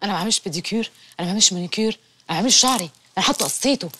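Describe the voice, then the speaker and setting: An actress with an Egyptian accent playing an indignant, bossy, self-pitying wife in a comedy film. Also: female voice, mid-range voice, expressive, rapid-fire, sharp tone, a little hiss or hum. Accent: Egyptian Arabic. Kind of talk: comic film acting.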